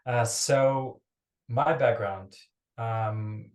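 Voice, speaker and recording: A young Ukrainian startup founder chats casually as a podcast guest, rambling and restarting his phrases. His mid-range voice moves extremely slowly. The remote recording is roomy and echoey.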